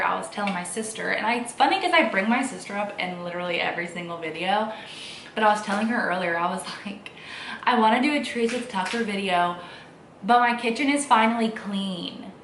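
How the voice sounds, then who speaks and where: In a relaxed, rambling chat to camera at home, a young woman who vlogs about life with her small child speaks at medium pitch. Her voice is creaky, fairly bright and slightly stuffy, captured by a distant mic in an echoey room with faint noise.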